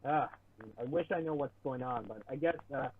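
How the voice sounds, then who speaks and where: A man's voice: medium pitch, fairly quick. A man reading an article aloud on an online talk show, adding sarcastic asides and often stumbling and restarting. He sounds muffled, as if heard through a wall. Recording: muffled, distant, lo-fi mic with popping and faint hiss.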